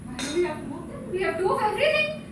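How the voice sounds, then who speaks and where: A female actor in a live stage play portrays the chatty, gently needling wife of a textbook publisher, sounding conversational and mildly exasperated. Her voice is extremely high, sing-song and very fast. Picked up by a distant microphone on an indoor theatre stage, the sound is very echoey with background noise.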